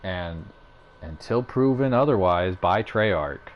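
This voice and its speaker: Young man, lowish voice, rambling gaming rant, headset mic, faint background hiss. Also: animated, slow pace, dull audio. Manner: rambling, fired up, frequent fillers and restarts. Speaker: gaming YouTuber. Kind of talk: casual ranting commentary.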